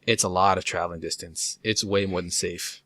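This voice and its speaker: A man's voice: sits low, steady tone, fairly quick, bright, forceful tone, dry recording, clean studio sound. A young man co-hosting a podcast who explains things at length in casual chat and leans on "like" and "you know". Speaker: podcast co-host.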